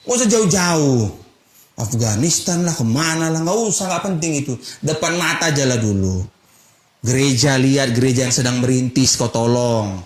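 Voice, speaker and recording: A male pastor preaching a sermon from the pulpit, blunt and emphatic, full of rhetorical questions. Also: medium pitch. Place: church sanctuary. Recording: roomy church echo.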